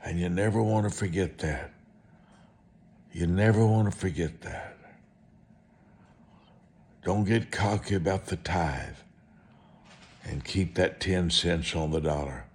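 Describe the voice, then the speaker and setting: A preacher and evangelist with a very deep voice gives his personal testimony. His delivery is slow, deliberate and folksy, and he hammers each point home with repeated phrases.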